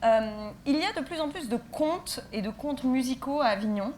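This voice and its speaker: A woman's voice: high voice, lively intonation, moderate pace, darkish tone, a little hiss or hum. A woman hosting a web TV festival interview, friendly and hesitant, with many fillers.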